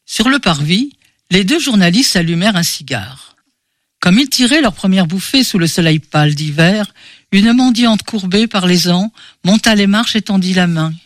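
A man narrating a novel in a measured, expressive way. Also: sits high, no room sound, studio quality. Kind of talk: scripted audiobook narration.

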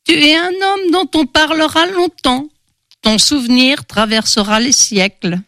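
An eerie old beggar woman reading palms in a storybook tale. Her voice climbs high and quavers with a mysterious, prophetic edge. The sound is dry and close. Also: measured pace, bright, forceful tone, dry recording, full character voice. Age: older.

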